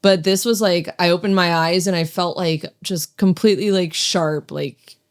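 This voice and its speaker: A woman's voice: on the low side, fairly even intonation, moderate pace, clean tone. A woman guest in a podcast interview, talking casually and filling with "like" a lot. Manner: chatty, many "like" fillers. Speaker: interview guest, video creator.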